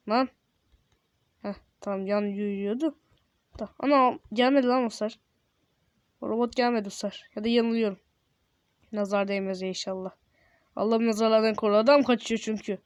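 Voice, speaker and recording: A young man with a sore throat gives casual gameplay commentary, exclaiming and yelping whenever something startles him. His voice sits fairly high. The sound is dry and close, with little room to it. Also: steady tone, moderate pace, pauses often, clean tone, no room sound. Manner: jumpy, exclaims and yelps when startled. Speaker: gameplay video host.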